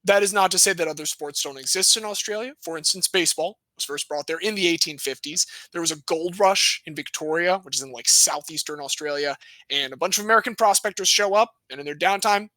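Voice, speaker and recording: A man co-hosting a podcast, telling a sports history story in a playful, animated way with jokey asides. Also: high-pitched, no echo, low-quality recording. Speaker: podcast co-host.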